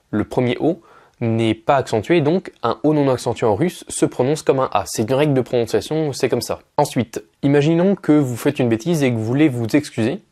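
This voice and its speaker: A man's voice: medium pitch, darkish tone. Man teaching Russian phrases. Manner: explains patiently, repeats phrases slowly. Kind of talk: casual video lesson.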